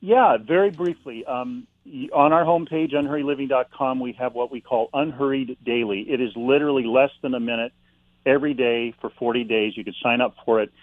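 A man talks in a calm, reflective way, with no hurry in his words. His voice comes through a dry, slightly dull line. He sounds like a guest on a faith-based talk program. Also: medium pitch, fairly quick, dry recording. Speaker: author guest. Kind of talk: interview about faith and slowing down.

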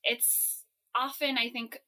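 A woman's voice: a little high, level tone, takes it slowly, bright, forceful tone. A woman from Hawaii answering interview questions as a writer, thoughtful and hesitant with many fillers. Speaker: guest, story writer.

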